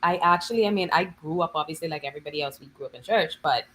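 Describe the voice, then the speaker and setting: A Bahamian woman in her thirties, a guest musician, chatting in an interview and telling her stories in lively local slang. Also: low-pitched, racing, poor audio. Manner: animated storytelling, lively dialect slang. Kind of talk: casual interview chat.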